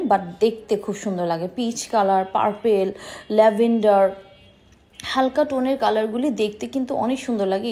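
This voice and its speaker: A woman's voice: mid-range voice, dark tone. A woman in her thirties, a boutique owner, showing dresses in an eager, persuasive sales vlog in a small indoor shop. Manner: enthusiastic, persuasive, addresses viewers as sisters.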